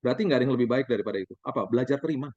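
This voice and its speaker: A man in his forties, a pastor, preaching a sermon as lively stories, acting out the dialogue for the congregation. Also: mid-range voice, racing, slightly rough, no echo. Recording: dull, dry sound.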